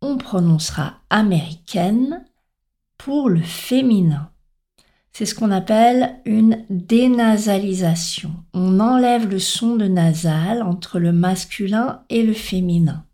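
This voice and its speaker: A French pronunciation teacher, a woman with a soft, mellow, medium-pitched voice, gives a slow and deliberate lesson on sounds. She spells letters out one at a time and clearly stresses each example word.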